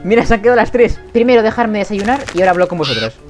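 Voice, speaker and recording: A young man with a Spain Spanish accent, doing excitable game commentary and shouting at animals in the game. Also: sits high, rapid-fire, faint music behind. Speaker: gaming youtuber.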